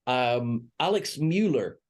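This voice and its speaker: A man's voice: mid-range voice, lively intonation, slow pace, darkish tone. A man hosting a casual fan chat show, rambling and jokey with stammering restarts. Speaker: podcast host.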